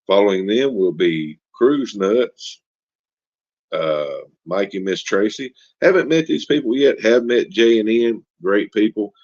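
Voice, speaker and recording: A man's voice: fairly low pitch, expressive, a little slow, a little mellow, no room sound, lo-fi sound. A man hosting a live stream in a casual, folksy, joking way, reading out and answering chat comments. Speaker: livestream host.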